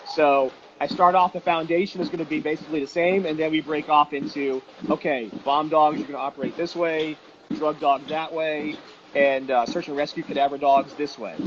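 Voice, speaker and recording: A man's voice: fairly high pitch, fairly even intonation, normal speed. A man giving casual, emphatic explanations as an instructor, often posing questions and answering them with examples. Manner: informal, emphatic, self-questioning teaching with examples. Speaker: dog detection trainer and instructor. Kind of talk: casual explanatory interview talk. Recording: dull lo-fi audio with faint noise.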